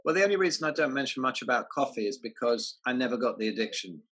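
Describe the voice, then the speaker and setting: A man's voice: mid-range voice, animated, fast talker, fairly bright tone, breathy edge, poor audio. A man talking as an interview guest, enthusiastic, stumbling over false starts and repeated words. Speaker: guest, health writer. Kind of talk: casual interview chat.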